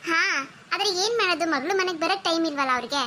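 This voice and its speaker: A woman's voice: very high-pitched, quick pace, pushed and bright, a little hiss or hum. A woman voicing an older mother in a cartoon, chatty and complaining.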